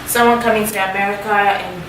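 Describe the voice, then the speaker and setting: A young adult woman who talks in a lively way and laughs easily in a casual group chat. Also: medium pitch, a little fast. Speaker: guest. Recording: echoey room with loud noise from a distant mic.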